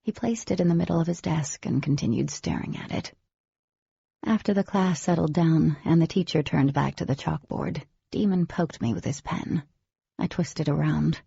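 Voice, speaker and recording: A woman's voice: low-pitched, normal speed, creaky, dark tone, husky, no room sound, muffled recording. A woman narrating a first-person novel as an audiobook, in a wry, conversational manner.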